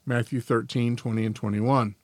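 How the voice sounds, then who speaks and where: A man's voice: mid-range voice, fairly even intonation, normal speed, dry recording. A male podcast host reading a devotional and a church confession aloud in a careful way, now and then tripping over his words.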